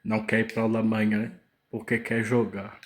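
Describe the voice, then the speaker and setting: A man's voice: on the low side, completely flat delivery, normal speed. A man with a Brazilian accent chatting casually as a vlogger, in a slangy, teasing way. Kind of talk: casual chat.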